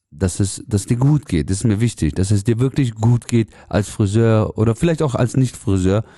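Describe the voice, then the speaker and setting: Man, low mellow voice, earnest advice-giver to hairdressers, dry close sound. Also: no room sound. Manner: earnest, direct, talks straight to the listener. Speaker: salon owner giving advice to hairdressers. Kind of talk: motivational podcast monologue.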